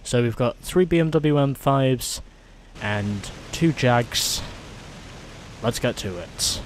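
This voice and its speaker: A man's voice: medium pitch, animated, takes it slowly, slight background noise. A man hosting a let's play, chatting casually through gameplay and reading event text aloud.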